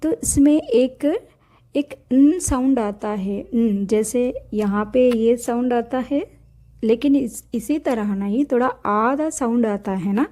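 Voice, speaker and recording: Woman, patient teacher, repeats letters, high-ish mellow voice. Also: slow. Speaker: language teacher. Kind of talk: step-by-step writing lesson.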